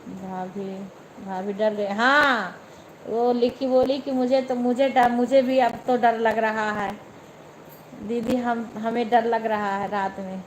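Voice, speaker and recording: A woman's voice: fairly high pitch, fairly even intonation, slow, slight background noise, poor audio. A young woman with an Awadhi accent hosting a phone live stream, chatting casually and speaking straight to her viewers by name.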